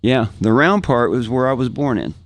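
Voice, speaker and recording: A man from Kansas speaks in a mid-range, expressive voice at a moderate pace, with no echo in the recording. He's a professional guitarist and podcast guest with an American accent, reminiscing casually and enthusiastically and often repeating phrases for emphasis.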